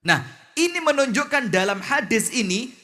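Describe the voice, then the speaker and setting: A man's voice: extremely high pitch, sing-song, normal speed, pushed and bright. A man with a Javanese accent preaching a sermon to a live audience. He tells stories with humor and keeps quizzing his listeners. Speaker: Islamic preacher.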